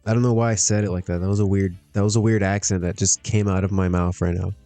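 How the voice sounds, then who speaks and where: A man gives relaxed, rambling commentary while he plays a wrestling booking game, breaking into laughs as he goes. His voice is mellow and warm, recorded dry and close with faint music underneath. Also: deep voice, quick pace, dry recording. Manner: chatty, laughs often, talks to himself. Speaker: streamer playing a wrestling management game. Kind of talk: casual gameplay commentary.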